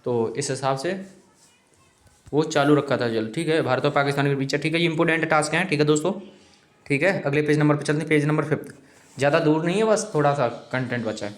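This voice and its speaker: Male coaching teacher, high-pitched, roomy echo, repetitive and chatty delivery. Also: a little fast. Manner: repetitive, keeps saying "okay friends"; pleading with viewers, informal. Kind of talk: exam coaching lesson.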